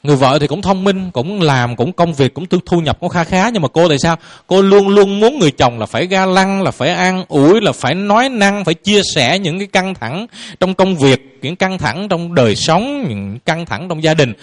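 A man's voice: sits high, expressive, normal speed, few pauses. A man giving a Buddhist dharma talk to a lay audience as their teacher, throwing out rhetorical questions and chuckling playfully.

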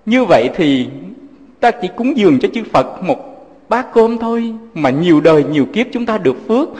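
A man's voice: high-pitched, big pitch swings, moderate pace, darkish tone, big-room sound. A Southern Vietnamese man, a Buddhist monk, giving a fatherly sermon full of personal stories and speaking to his listeners as his children.

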